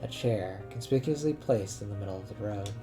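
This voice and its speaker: A man reading a game's narration aloud in a measured, plain voice. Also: fairly low pitch. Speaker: let's-play narrator. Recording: voice over game music.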